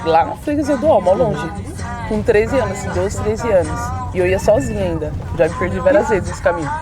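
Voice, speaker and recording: A woman's voice: medium pitch, animated, brisk, loud music behind the voice. Young São Paulo woman, slangy and hesitant. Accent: Brazilian Portuguese, São Paulo. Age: young adult. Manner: slangy, hesitant, many fillers. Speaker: interviewee. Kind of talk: casual chat.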